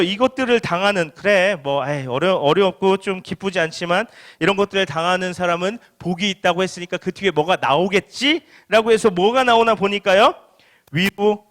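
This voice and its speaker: A man's voice: high voice, fairly bright tone. A young adult male pastor giving a casual, conversational sermon to a youth group, asking his listeners questions and acting out everyday reactions. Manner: acts out everyday reactions in quick quoted asides.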